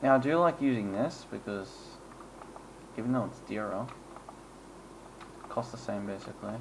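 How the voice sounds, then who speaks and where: Man, lowish voice, casual game commentary, rambling, laughs at himself. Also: moderate pace, gravelly, noisy background. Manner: rambling, chuckling, self-deprecating asides. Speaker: gaming channel host.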